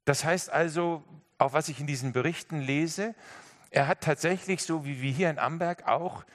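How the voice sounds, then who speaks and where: A man preaching a sermon, telling a story in an emphatic, lively way and speaking directly to his listeners. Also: a little high, normal speed.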